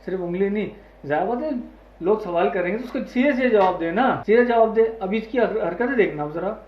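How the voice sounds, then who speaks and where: A man's voice: high voice, fast talker, a little hiss or hum. A man hosting an online video, giving heated, crude reaction commentary full of swearing. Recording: echoey, dull lo-fi audio.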